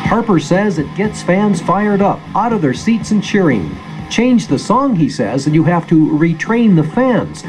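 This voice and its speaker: A man's voice: high voice, sing-song, measured pace, darkish tone, faint music behind, poor audio. A man with an American accent narrating a scripted news feature as a public radio reporter, in a storytelling manner.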